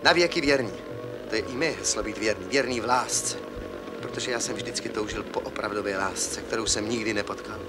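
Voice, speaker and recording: An actor playing a lovestruck, fussy middle-aged village constable in an old film. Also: male voice, on the low side, over loud music, close to an everyday voice. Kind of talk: 1950s film acting.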